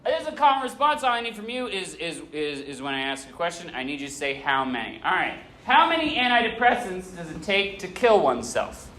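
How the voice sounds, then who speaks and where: A man doing a stand-up set into a handheld mic on a comedy club stage, with self-deprecating, swearing dark humor. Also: sits high, sing-song, a little fast, hardly any pauses, slight background noise. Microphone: handheld microphone. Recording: roomy club with audience laughter.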